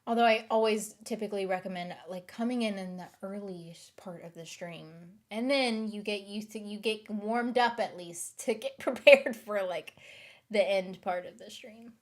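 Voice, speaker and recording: At a normal speed and in a mid-range voice, a woman with a light Southern accent chats casually with her stream audience. She rambles and giggles, often starting over and overthinking aloud.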